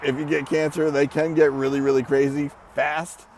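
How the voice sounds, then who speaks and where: A middle-aged man gives a casual, rambling personal update, out of breath with short shallow breathing and halting between brief phrases. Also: a little high, little pitch movement, darkish tone. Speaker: vlogger giving a personal health update. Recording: outdoor background noise with passing traffic. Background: birds, traffic and motorcycles.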